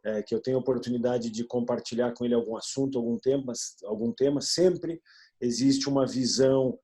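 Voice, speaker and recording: A man in his forties from southern Brazil speaks haltingly in a video meeting, stopping often on fillers. His voice sits at a middling pitch, dark and mellow in tone, with a husky edge. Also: fairly even intonation. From Rio Grande do Sul, Brazil. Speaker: business partner.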